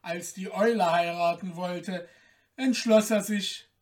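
A narrator reading a fairy tale audiobook in a slow, measured way. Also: medium pitch, steady tone, far from the mic.

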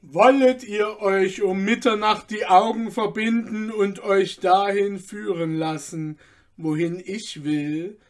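Guy doing a smooth-talking sly servant, coaxing, fairy tale reading. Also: high-pitched, steady tone, slow pace. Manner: coaxing, persuasive. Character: sly male slave on an errand.

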